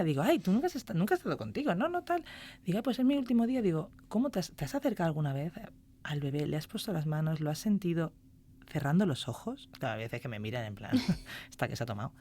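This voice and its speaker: Woman, podcast guest, animated storyteller, acts out quotes. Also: fairly low pitch. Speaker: music therapist guest. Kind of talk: casual podcast interview.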